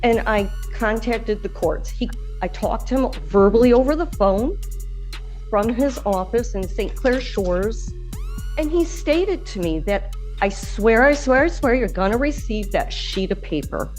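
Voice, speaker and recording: A woman's voice: on the high side, lively intonation, measured pace, a little mellow, faint music behind. A woman addressing a judge as a litigant in a courtroom recording, rambling in stiffly formal wording.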